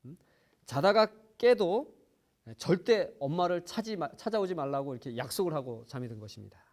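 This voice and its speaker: Earnest preacher telling a family story. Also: male voice, a little high, expressive, a little fast, a little mellow. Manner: earnest storytelling with frequent fillers, swelling emphasis. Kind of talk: sermon, personal story.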